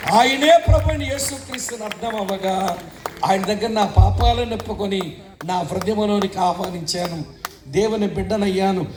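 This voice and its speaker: Pastor guy giving his testimony, high voice, big roomy echo, really emphatic. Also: a little hiss or hum. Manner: emphatic storytelling preacher. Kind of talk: testimony sermon. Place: church meeting stage. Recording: roomy echoing hall.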